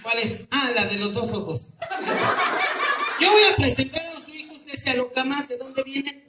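High-voiced Mexican street clown man. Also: normal speed. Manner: loud, teasing, calling out to the audience. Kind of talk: outdoor clown comedy show with crowd. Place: outdoor public square. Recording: echoey, distant and noisy.

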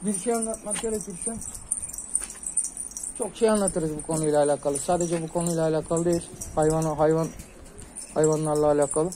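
A man's voice: a little high, steady tone, a little fast, pauses often, rough recording. A man, a pigeon keeper, talking casually and earnestly to his viewers while filming outdoors on a rooftop with a phone. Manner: earnest, advising, calls pigeons with soft hissing sounds. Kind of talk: casual vlog talk to viewers.

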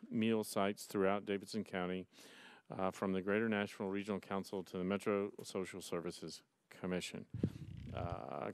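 A middle-aged man chairing a council meeting, reading resolutions aloud in a brisk, formal way from a desk mic. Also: lowish voice, clean tone, no room sound. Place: large council chamber, seated at dais. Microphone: desk gooseneck mic.

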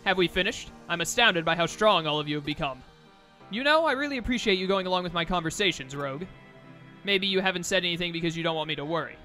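A man's voice: high voice, lively intonation, fast, pushed and bright, faint music behind. A man voicing a kindly, loyal lion-man warrior from a video game, with formal, solicitous phrasing. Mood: concerned.

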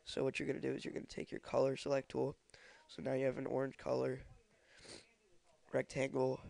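A young man with a stuffy cold, hesitantly talking through a software tutorial with many ums and uhs. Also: mid-range voice, monotone, fairly quick, creaky, no room sound. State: congested from a cold. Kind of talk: screen-recorded tutorial.

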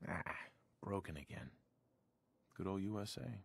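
A man playing a young husband and father with relaxed, wry domestic asides. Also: deep voice, unhurried, gravelly, husky, full character voice.

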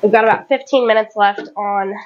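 A home cooking vlogger in her thirties chats and rambles casually while cooking in her kitchen, correcting herself along the way. Her mid-range voice is steady and brisk, and the sound is lo-fi.

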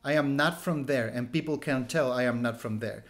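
Over a video call on a headset, a man in his thirties from Chile shares stories as a street photographer guest in a casual interview. English is his second language after Spanish, and he has a Chilean accent. His mid-range voice moves at a moderate pace, rambling with frequent "like" fillers, restarts and lively gestures, from a small room at home indoors.

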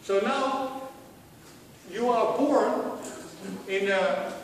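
A man's voice: high-pitched, extremely slow, slight background noise. A middle-aged man with a Dutch accent giving a university lecture, asking students rhetorical questions and often restarting his phrases. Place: large lecture hall. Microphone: far camera. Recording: echoey hall recorded from far off.

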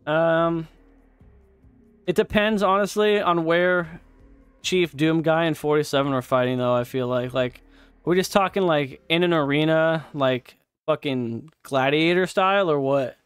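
A man's voice: on the high side, a little slow, clear, resonant tone, no room sound, faint music behind. A young man live-streaming a game, chatting casually with viewers, swearing and laughing as he plays. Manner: swears and laughs often, reacts loudly to gameplay.

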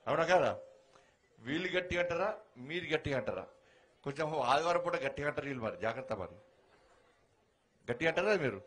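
A man with a Telangana Telugu accent, speaking outdoors in the sun at a village rally, who teases the crowd and leads shouted slogans. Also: fairly high pitch. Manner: teasing banter with the crowd, rising to shouted slogans. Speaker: politician addressing a rally. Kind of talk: outdoor political rally speech.

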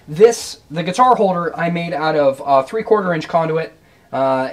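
A man giving a relaxed, rambling walkthrough of his home basement workshop, with lots of ums and uhs, recorded on a camera mic. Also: on the high side. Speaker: guitar builder showing his workshop.

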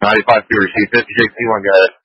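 A man's voice: fairly low pitch, level tone, rapid-fire, sharp tone, slightly rough, no echo. A man relaying fire dispatch orders over two-way radio in terse, procedural phrases. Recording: dull lo-fi radio.

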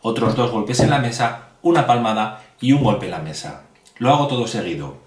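A man teaching a hand-clapping rhythm in a video tutorial, speaking slowly and clearly and addressing viewers directly, indoors at a table. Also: medium pitch, animated, far from the mic. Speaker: music teacher. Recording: roomy sound with music behind.

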